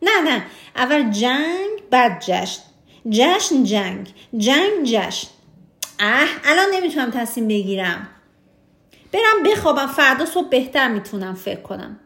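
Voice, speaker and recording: Woman reading a fussy, stubborn storybook king: raised, insistent, high and lively, in an echoey room. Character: proud stubborn storybook king, grown man. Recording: roomy echo.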